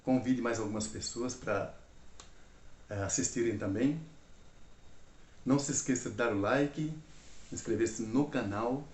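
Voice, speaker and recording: A man teaching Spanish in a casual online lesson, explaining slowly and checking in with listeners often. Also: medium pitch, darkish tone, far from the mic. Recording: echoey room.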